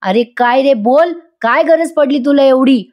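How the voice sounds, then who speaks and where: A woman voicing an angry, stern father who shouts and accuses his son. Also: high-pitched, a little slow, voice pushed up. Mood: angry scolding.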